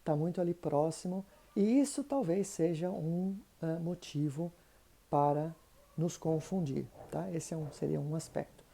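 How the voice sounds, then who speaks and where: A woman explains German grammar in a patient, thinking-aloud way. Her voice sits low, with a very dark, mellow tone. She keeps checking that her listener follows. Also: measured pace, vocal fry, husky. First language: Portuguese. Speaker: German teacher. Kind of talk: explanatory online lesson.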